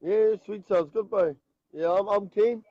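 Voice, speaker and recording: A man's voice: high-pitched, unhurried, no echo, lo-fi sound. A man with a broad New Zealand accent talking casually and earnestly as a guest caller, in a brotherly, slangy way. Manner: repeatedly punctuates phrases with "bro". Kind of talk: casual, earnest motivational talk.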